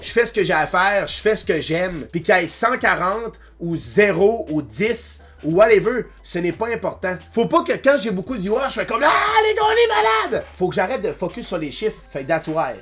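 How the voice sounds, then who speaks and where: A man's voice: sits high, lively intonation, normal speed, few pauses, a bit bright, a little hiss or hum. A young man with a Québécois accent, a streamer reacting in casual chat, mixing English slang and swearing into his talk. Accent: Québécois French.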